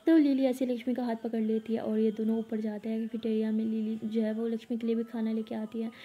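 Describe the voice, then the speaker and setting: A young woman narrating a story in a loose, chatty way, full of fillers and asides. Her voice is high and mellow, with a soft, unhurried delivery. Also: flat delivery, husky. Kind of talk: casual spoken storytelling.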